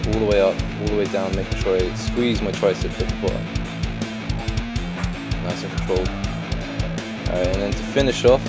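A man with a hoarse, croaky frog-in-the-throat voice from a sore throat, plainly explaining a workout in voice-over. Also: on the low side. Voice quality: croaky, froggy voice. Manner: plain, instructional. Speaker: vlogger, fitness trainer. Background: prominent guitar music.

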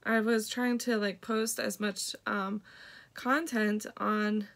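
Slow, congested young woman with vocal fry. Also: medium pitch, flat delivery, fairly bright tone. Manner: rambling, many ums and likes. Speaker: beauty vlogger and product seller. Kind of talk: casual makeup vlog chat.

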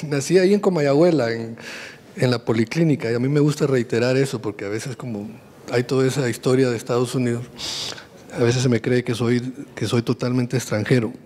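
A man's voice: mid-range voice, darkish tone, long reverb tail. Earnest man giving a lecture. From Honduras. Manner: earnest, halting, repeats words as he searches. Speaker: lecturer, historian. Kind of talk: public lecture. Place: small gallery room with audience. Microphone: handheld mic.

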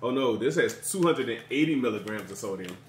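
A man's voice: medium pitch, lively intonation, fairly quick. Guy doing a chill snack taste test, jokey and chatty, roomy echo, bit of background hiss. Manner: playful, teasing, chatty. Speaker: video host. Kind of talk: casual food review taste test. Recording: echoey room.

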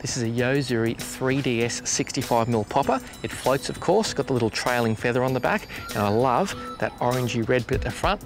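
A man with an Australian accent hosting a fishing show from a boat outdoors, excitable and chatty, laughing often. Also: medium pitch, fairly quick, hardly any pauses, music in the background. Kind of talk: casual outdoor fishing commentary.

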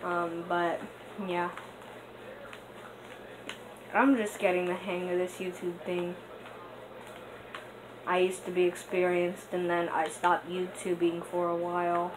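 Young female gamer host, unhurried rambling commentary, slightly low voice, noisy home audio. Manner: rambling and hesitant, with many fillers; bursts into excited gasps during play. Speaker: gaming channel host. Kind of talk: casual gameplay commentary. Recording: noticeable background noise.

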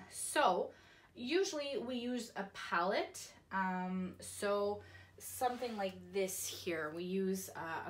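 A woman's voice: mid-range voice, a bit bright. A woman in her thirties from Canada, a painting instructor who walks through each step of a tutorial in a friendly, instructive way. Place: indoor craft studio with paint shelves.

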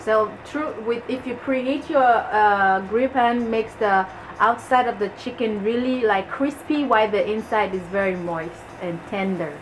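A young woman chats enthusiastically through a casual cooking vlog, explaining each step to camera in her small home kitchen. Her voice is a little high and at a normal speed. Audio from the camera microphone is poor, with kitchen noise and cooking ambience clearly present.

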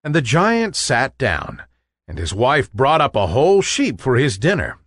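A man reads a storybook tale at a slow, careful pace for learners. His pitch rises and falls widely as he tells it. The close mic sounds dry, with no room behind him. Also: huge pitch swings, a bit bright, no echo.

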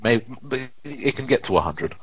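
A man's voice: on the low side, lively intonation, normal speed. A man playing a game and chatting casually, joking, laughing and teasing his co-player. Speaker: let's play gamer. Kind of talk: casual gaming banter.

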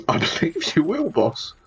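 A man's voice: fairly high pitch, huge pitch swings, takes it slowly, a bit bright, muffled recording, a little hiss or hum. A man giving profane commentary while playing a horror game, laughing often and talking back to the game. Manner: swears a lot, laughs often, talks to the game. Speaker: let's play gamer.

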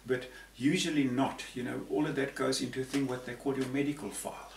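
A Zambian man in his sixties, appearing as a panel guest, explains things in a rambling, conversational way and often repeats words. His gravelly voice is medium-pitched, steady, and brisk. He is in a room with a patterned tapestry backdrop, and the recording sounds roomy and distant with faint hiss.

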